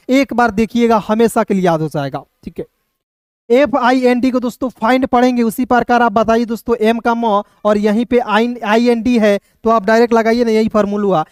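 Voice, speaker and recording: This studio-quality, dry recording features a man whose voice is high and smooth. He works through English spelling for a Hindi phonics audience, going letter by letter at a slow pace. Frequently he says "doston" and pauses to make sure his friends are keeping up.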